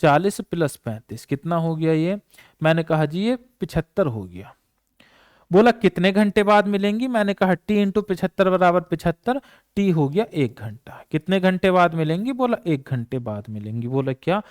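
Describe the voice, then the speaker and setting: A male math teacher walks through exam problems step by step, firing off questions and answering them himself. His voice sits high and moves lively up and down. The sound is dry and close, with no room around it. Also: moderate pace, dry recording. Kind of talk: exam-prep math lesson.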